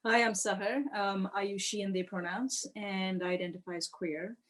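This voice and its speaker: A woman from Karachi who works as a professor, talking about her life in a soft, hesitant, conversational way. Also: medium pitch, fairly even intonation, normal speed. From Pakistan, Karachi. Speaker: political science professor. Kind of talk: casual conversational storytelling.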